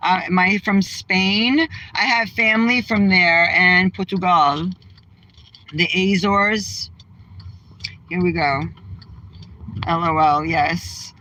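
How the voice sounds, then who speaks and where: A woman's voice: fairly low pitch, slow, long pauses, pushed and bright, rough recording. A woman from Massachusetts hosting a casual livestream, bluntly firing back at viewers' comments from her car. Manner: brash, outspoken, trash-talking. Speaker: livestream host. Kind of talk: casual live chat reading comments.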